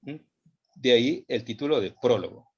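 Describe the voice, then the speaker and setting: A man's voice: medium pitch, animated, slightly rough, lo-fi sound. Man lecturing on theology, emphatic. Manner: slow, emphatic, repeats phrases while thinking. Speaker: theology teacher. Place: online class session.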